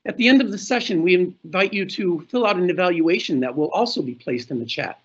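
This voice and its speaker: High-voiced husky man moderating a panel. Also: animated, brisk. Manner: formal, reading announcements. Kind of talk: scripted panel introductions. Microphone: video call webcam. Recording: muffled video-call audio.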